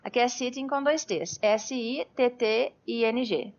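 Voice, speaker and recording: Brazilian female English teacher, fairly high voice, precise rule explainer, muffled call audio. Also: measured pace. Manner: precise, clarifies rules, spells words letter by letter. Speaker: English teacher, podcast co-host. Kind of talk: conversational teaching podcast.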